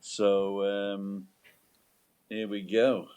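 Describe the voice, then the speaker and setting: A man's voice: on the low side, flat delivery, very slow, darkish tone. A man hosting a live stream in casual, chatty style. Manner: joking, teasing banter. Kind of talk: casual chat. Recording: internal microphone outdoors in wind.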